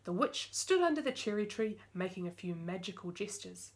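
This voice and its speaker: A woman reading a children's picture book aloud, lively and expressive. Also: medium pitch, normal speed. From New Zealand. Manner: lively, expressive, voices the characters. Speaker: storyteller.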